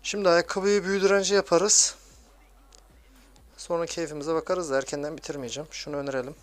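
A young man giving excitable, grumbling commentary while playing a mobile game, swearing at teammates. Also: fairly high pitch, fast talker. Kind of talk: live gameplay commentary.

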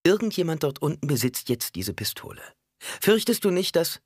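A man's voice: a little high, sing-song, moderate pace, no room sound, clean studio sound, pitched above the performer's own voice. A man voicing a stern scornful noblewoman. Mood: demanding. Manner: icy, scornful, commanding. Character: stern proud noblewoman, mother, cutting.

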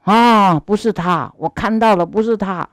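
A woman's voice: mid-range voice, no echo, studio quality, close to an everyday voice. A woman voicing a well-meaning male stand-in god who speaks up urgently and pleadingly. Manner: urgent, pleading, talking fast.

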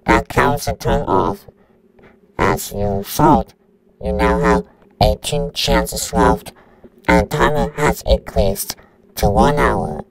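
A man's voice: fairly low pitch, animated, takes it slowly, vocal fry, over a noisy crowd, exaggerated voice, poor audio. A synthetic male voice playing a menacing computer virus that announces countdowns in a robotic tone.

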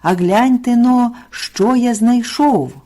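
A woman's voice: lowish voice, animated, slow, mellow, breathy edge, full character voice. A woman voicing a hardworking, patient little rooster in a storybook tale, calling out earnestly.

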